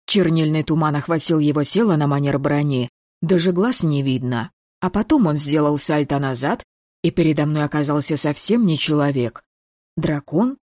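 An audiobook reader giving steady, measured first-person fantasy narration. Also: medium pitch, no room sound, clean studio sound.

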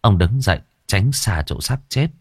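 A man telling a ghost story with suspense, slowing down and dropping his voice for the tense moments. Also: on the low side, expressive, breathy edge, no room sound, clean studio sound.

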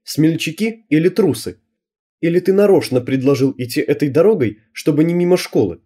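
A man's voice: fairly high pitch, animated, fairly quick, warm tone, breathy edge, voice pushed up. A man voicing a bold, bossy schoolgirl who mocks her friend, in an audiobook. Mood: teasing. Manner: mocking, bossy. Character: bold teasing schoolgirl, the narrator.

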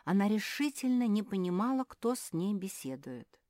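A woman reading a children's story aloud in a lively, expressive way. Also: mid-range voice, moderate pace, dry recording, studio quality. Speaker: narrator.

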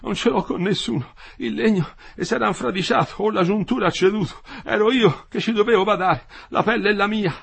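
A man's voice: high-pitched, very animated, moderate pace, pushed and bright, husky, voice pushed up, heavily acted. A man reading the part of an older builder, wry and teasing, who later gasps in pain and slips into delirium. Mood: gasping. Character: old weary Florentine builder, dying after a fall.

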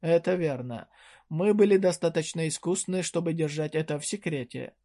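A man's voice: fairly high pitch, normal speed, mellow, natural voice. A reader voicing a blunt young male hero. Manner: dry, blunt retorts. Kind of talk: audiobook character reading.

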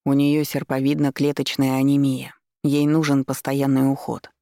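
Brief: a woman playing a gentle, placating husband in an audiobook, low and hushed, gravelly. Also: completely flat delivery, moderate pace, dry recording, studio quality. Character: adult man, husband, calm and pleading.

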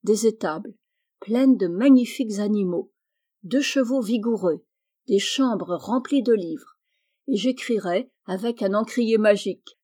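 A woman's voice: medium pitch, dark tone, natural voice. A woman reading Jo, a bold dreamy teenage girl.

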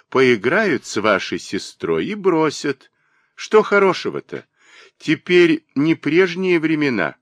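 A man voicing a spiteful, gossiping old spinster woman with a shrill, mocking manner in an audiobook. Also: a bit bright, no room sound.

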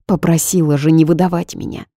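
A woman's voice: fairly even intonation, a little fast, no echo, studio quality. A woman voicing a fiery, indignant young pregnant heroine in an audiobook. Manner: loud, sharp, high outbursts.

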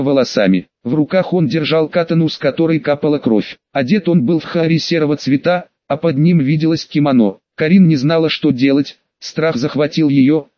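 A man reading a fan-fiction audiobook aloud in a steady, matter-of-fact storytelling manner. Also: on the high side, no room sound, dull audio. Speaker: audiobook reader. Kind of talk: scripted first-person narration.

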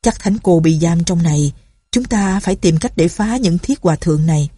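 A woman's voice: on the low side, lively intonation, normal speed, mellow, breathy edge. A woman voicing a young male swordsman in an audiobook, courteous and urgent when he warns. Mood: wry, resolute. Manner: urgent, raised and tense when warning.

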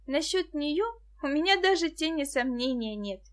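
Woman voicing a shy schoolgirl in an audiobook, soft but sure, high voice. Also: lively intonation, normal speed. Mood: earnest. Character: young girl Musya, shy but firm.

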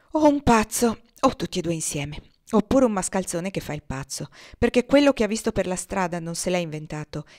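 A woman's voice: mid-range voice, close to an everyday voice. A woman reading the lines of a blunt, bitter man who argues insistently, in an audiobook. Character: sharp, blunt man, bitter about politics.

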